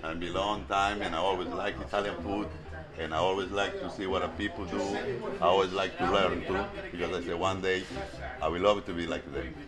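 A deep-voiced Ecuadorian man in his fifties, a restaurant owner, tells his story casually in an interview, speaking fairly quickly in a steady tone with an Ecuadorian Spanish accent. The rough recording was made in the restaurant dining room, with loud music playing behind him.

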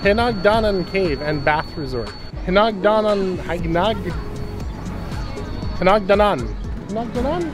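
A woman's voice: medium pitch, animated, unhurried, long pauses, over music, rough recording. A woman vlogging her travels in a playful, jokey way, laughing often between remarks. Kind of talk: casual travel vlog chat.

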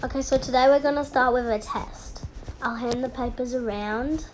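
A woman's voice: high voice, steady tone, moderate pace, close to an everyday voice. A woman voicing a strict, impatient female teacher who gives firm orders. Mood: stern. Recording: noisy home recording.

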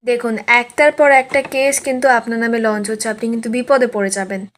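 A woman quoting a male police officer who calmly warns a powerful man. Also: on the high side, lightly acted. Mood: warning. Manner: measured and warning.

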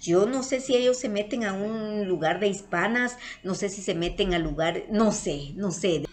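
A woman's voice: mid-range voice, moderate pace. Earnest Guatemalan woman telling a story. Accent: Guatemalan Spanish. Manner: affectionate, earnest, repeats herself, addresses viewers as "my loves". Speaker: vlogger. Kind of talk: casual storytelling to viewers.

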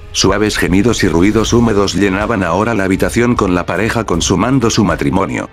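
A man narrating a fan-fiction story in a flat, even reading with no fillers. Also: deep voice. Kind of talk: scripted narration. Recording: faint background music.

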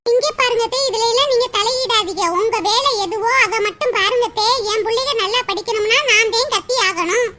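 A woman's voice: very high voice, brisk, hardly any pauses. A woman voicing a strict, quarrelsome young mother with a rural southern Tamil accent in a cartoon. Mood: arguing. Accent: southern Tamil Nadu rural. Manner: complaining, loud, argumentative. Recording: loud background noise.

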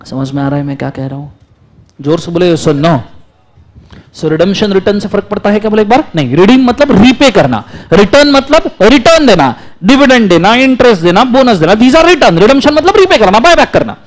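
A high, animated male lecturer teaches a classroom. His voice swoops widely as he drills students and asks them to answer aloud. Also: fairly quick. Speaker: law lecturer.

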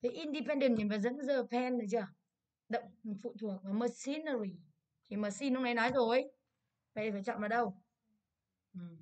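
Woman, Vietnamese accent, English teacher, exam review lesson, fairly high voice, brisk, checking questions. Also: darkish tone.

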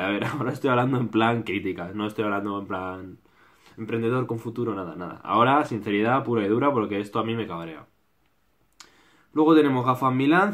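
Young man, Spain Spanish accent, blunt mocking rant, lots of swearing, small bedroom, desk camera. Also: medium pitch. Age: young adult. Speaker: YouTuber. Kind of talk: casual critical rant to camera.

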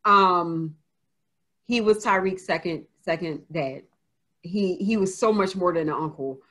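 Woman author sharing a family story. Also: mid-range voice. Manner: candid storytelling, laughs often. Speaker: author answering reader questions. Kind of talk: casual live Q&A.

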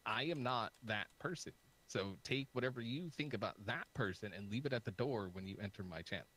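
A man's voice: medium pitch, fairly quick, rough recording. A man talking as a guest YouTuber in a casual video-call chat, rambling with lots of "like" fillers and joking at his own expense. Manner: rambling, heavy use of "like" fillers; animated and self-mocking.

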